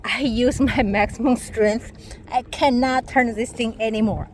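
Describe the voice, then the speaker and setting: Woman on a boat doing a casual gear test, kinda high voice, slow short remarks, noisy water and boat sound. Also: steady tone, darkish tone. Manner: talking while operating a boat, in short broken remarks. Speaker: product demonstrator. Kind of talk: casual hands-on product test narration. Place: outdoors on a small motorboat on the water. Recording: noisy outdoor boat recording. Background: boat and water noise.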